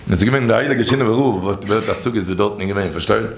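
A man telling stories from religious teachings in an informal, animated way, his voice leaping high and then dropping low. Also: fast talker, vocal fry, noisy background. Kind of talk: informal storytelling talk. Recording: echoey room.

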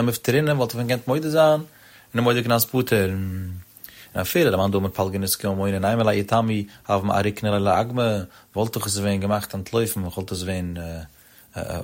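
A man teaching a traditional text study lecture in a rapid, sing-song cadence with sudden rises. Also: lowish voice.

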